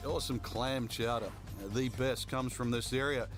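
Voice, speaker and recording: A man's voice: mid-range voice, fairly even intonation, a little slow, over music, natural voice. A man giving golf commentary as an analyst, explaining the course.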